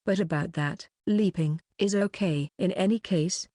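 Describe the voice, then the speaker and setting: A woman's voice: fairly low pitch, a little slow, dark tone, no echo, clean studio sound. A woman reading the lines of a proud, boastful female sumo champion fighter in an audiobook. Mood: confident.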